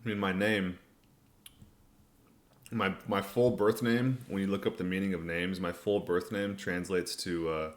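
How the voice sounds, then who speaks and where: A man's voice: sits low, fairly even intonation, unhurried. A man hosting a casual livestream Q&A, talking in a laid-back, colloquial way as he reads and answers viewer comments. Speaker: livestream host.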